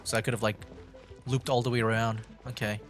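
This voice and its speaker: A man streams a game, commenting casually while he works through puzzles and thinks aloud, often halting and restarting. His mid-range voice keeps a level tone, with faint music playing behind him.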